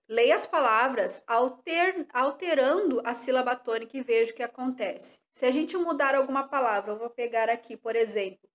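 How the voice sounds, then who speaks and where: A woman's voice: sits high, muffled recording. A woman teacher, giving a recorded lesson and explaining each step patiently with questions.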